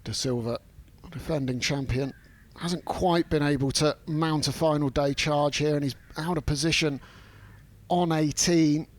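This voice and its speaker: A man narrating golf highlights and commentating on the play as a sports broadcaster. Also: steady tone, a little slow.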